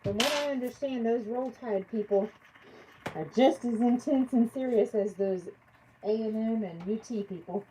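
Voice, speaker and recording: A woman's voice: fairly high pitch, normal speed, dark tone, a little hiss or hum, low-quality recording. Chatty congested woman crafting live. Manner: chatty, thinks aloud, answers viewer comments by name. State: congested from allergies. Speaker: tumbler crafter streaming live. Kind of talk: casual live-stream chat while crafting. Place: home craft workspace.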